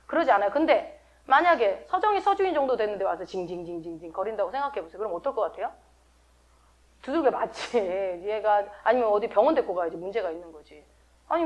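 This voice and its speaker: A middle-aged woman pastor giving a sermon in a conversational way, often asking her listeners questions. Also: on the high side. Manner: conversational, asks the congregation many questions.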